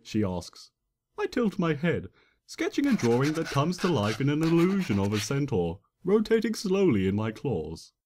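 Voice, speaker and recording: This fan fiction narrator has a slightly high voice that swoops wildly in pitch, and he keeps a moderate pace. He performs a first-person story with a mischievous, stagey trickster flair, with some background noise and a long echo from a reverberant room.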